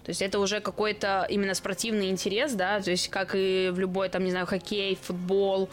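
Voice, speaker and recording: A young woman from Russia, guest on a casual podcast, tells stories with lively acted-out quotes. Her voice sits at an ordinary middle pitch for a woman. She works as a streamer and esports caster. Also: brisk. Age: 20s.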